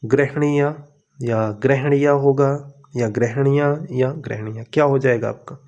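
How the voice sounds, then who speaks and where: A man teaching an exam preparation lesson, walking through questions with steady, repetitive coaching and frequent check-ins. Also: medium pitch, moderate pace, muffled recording.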